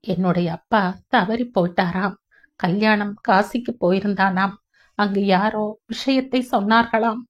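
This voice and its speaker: A woman's voice: mid-range voice, a little slow, dull audio, close to an everyday voice. Lady reading as an upset middle-aged guy, pleading and teary, audiobook dialogue. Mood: grieving. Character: distressed middle-aged man, emotional.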